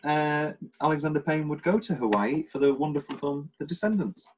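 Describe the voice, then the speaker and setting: A man's voice: on the high side, brisk, a little hiss or hum, rough recording. A British man hosting a casual film podcast, rambling and jokey as he runs through favourite scenes. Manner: rambling, jokey, quotes scenes in funny voices. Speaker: podcast host.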